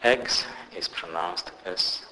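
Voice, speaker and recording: A man teaching pronunciation in a scripted lesson, deliberately saying each example word twice. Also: low-pitched, long reverb tail, heavy background noise. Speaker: language teacher.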